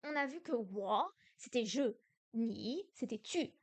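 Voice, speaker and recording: A woman's voice: fairly high pitch, lively intonation, takes it slowly. A young woman from France in a casual livestream study session, repeating syllables aloud and exaggerating the tones. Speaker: streamer learning Chinese.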